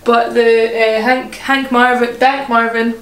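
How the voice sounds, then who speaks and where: A woman's voice: on the high side, flat delivery, slow pace, fairly bright tone. Chatty woman, echoey room. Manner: chatty, giggly, trails off mid-sentence. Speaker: beer reviewer. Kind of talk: casual chat.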